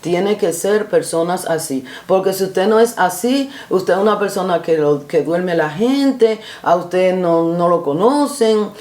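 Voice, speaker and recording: A woman's voice: on the low side, expressive, unhurried, hardly any pauses, a little mellow, echoey room. A woman giving an earnest spoken reflection like a sermon, using repetitive rhetorical phrasing and addressing the listener formally. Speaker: preacher.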